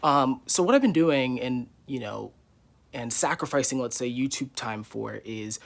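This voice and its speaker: A YouTuber in his twenties gives a casual, candid vlog update from his living room, rambling with plenty of fillers. His mid-range voice is animated yet measured in pace, with a creaky quality.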